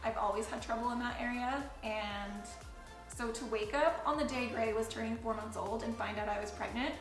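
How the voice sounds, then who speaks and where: A woman's voice: on the high side, moderate pace. A young woman chatting casually to camera as a co-host, candid and playful, with dramatic emphasis. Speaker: video creator, co-host. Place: indoors at home. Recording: roomy echo, faint music behind.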